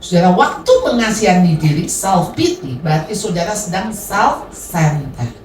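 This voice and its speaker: A middle-aged woman pastor preaching a sermon, addressing the congregation directly in a lively way. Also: fairly low pitch, moderate pace, a little hiss or hum. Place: church hall. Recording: echoey hall, voice from a distance.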